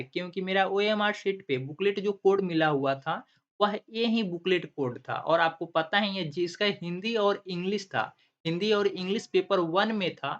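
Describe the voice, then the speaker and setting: Step by step, a man with a high, fairly bright voice leads a screen-recorded tutorial as host of an online class. Like a teacher, he asks himself questions and repeats the answers. The audio is dull and lo-fi.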